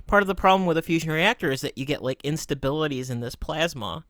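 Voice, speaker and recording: A man's voice: fairly high pitch, expressive, fast talker, a bit bright, dry recording, clean studio sound. A man explaining things casually on a podcast, stumbling over restarts.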